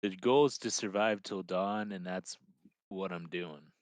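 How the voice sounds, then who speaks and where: A man's voice: low voice, measured pace, clear, resonant tone, dry recording. A man playing a tabletop role-playing game, describing actions and talking in character in a laid-back, hesitant way.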